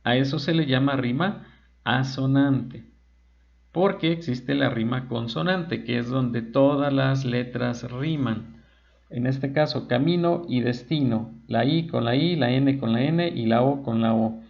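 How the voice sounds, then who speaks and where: A male teacher giving a recorded lecture, explaining slowly and spelling out examples. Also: medium pitch, creaky. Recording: dull lo-fi recording.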